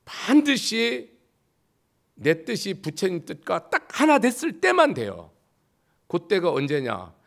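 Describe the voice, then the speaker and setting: A Buddhist monk delivers a sermon in a slightly hoarse, high voice, speaking slowly with wildly swooping pitch. He hammers his points home with rhetorical questions and sudden jumps between loud and quiet.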